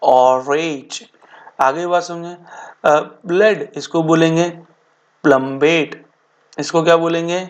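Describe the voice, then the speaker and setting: A male chemistry teacher giving a board exam revision lecture in casual Hindi, asking rhetorical questions and answering them himself, repeating key terms slowly. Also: a little high, fairly even intonation. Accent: Hindi-speaking Indian. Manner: addresses students as beta and bhaiya.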